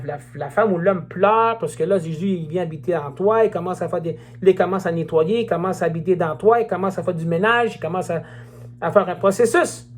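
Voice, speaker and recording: Online evangelist, livestream testimony, earnest, repetitive, reads messages slowly. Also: mid-range voice.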